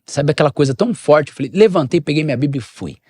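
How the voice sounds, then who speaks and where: Speaking quickly in a husky voice, this middle-aged man from Brazil, a pastor, shares a personal story on a podcast. He plays out the conversations himself, moving up and down in pitch and level, and there's no echo.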